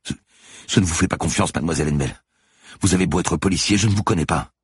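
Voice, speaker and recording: A man's voice: rumbling low, quick pace, slightly rough, dry recording, studio quality, voice pushed up, full character voice. A man voicing a terrified young woman mathematician who asks frantic questions. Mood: frightened.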